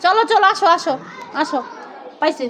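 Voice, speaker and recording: A mother playing pretend games with her children in an animated, coaxing, scolding way. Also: extremely high pitch, moderate pace, crowd noise. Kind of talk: playful pretend play with children. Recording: noisy home recording.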